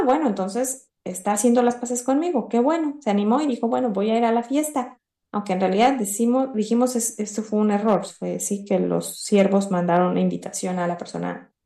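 A woman teaching a lesson through a story, talking in a halting way with frequent restarts as she addresses her listeners. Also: medium pitch, gravelly, mellow. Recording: roomy echo.

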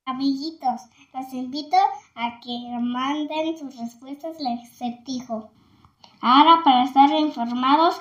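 A woman's voice: high-pitched, a bit bright. A woman presenting a scripted children's programme as its host. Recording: dull lo-fi, roomy echo.

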